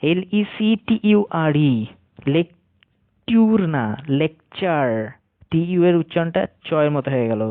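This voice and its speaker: A man teaching English pronunciation, spelling words out letter by letter and repeating each rule slowly and deliberately. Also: a little high, animated, no echo. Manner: slow, deliberate, repeats rules for emphasis. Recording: dry, tinny phone-like sound.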